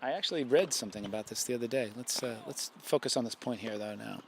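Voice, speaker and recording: A man's voice: mid-range voice, creaky. Chatty male coach calling tennis outdoors. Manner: chatty and admiring, quick to praise shots. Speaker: coach and commentator. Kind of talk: casual play-by-play commentary. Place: outdoors beside school tennis courts. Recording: faint outdoor background noise.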